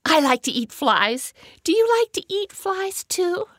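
A woman's voice: very high-pitched, big pitch swings, unhurried, a bit bright, dry recording, clean studio sound, voice pushed up, exaggerated voice. A woman voicing a curious, polite young male frog who hesitates with little fillers. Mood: eager, polite.

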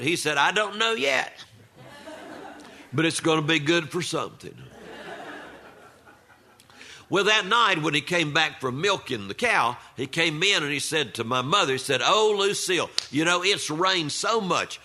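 An older man with a fairly high, bright, forceful voice tells funny family stories live in a folksy, conversational way. He acts out his relatives' dialogue as he goes.

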